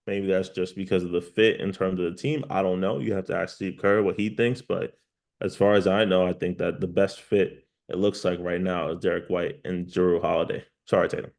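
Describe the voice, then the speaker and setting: Male sports pundit, deep and flat in pitch, analytical, emphatic interview delivery. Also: fairly quick, creaky. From New York. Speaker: sports journalist, interview guest.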